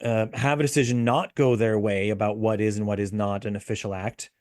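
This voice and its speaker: A man's voice: fairly low pitch, steady tone, fairly quick, a little mellow, no echo, studio quality. A man co-hosting a political podcast, explaining things patiently with frequent fillers and restarts. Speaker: podcast co-host. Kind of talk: casual political chat.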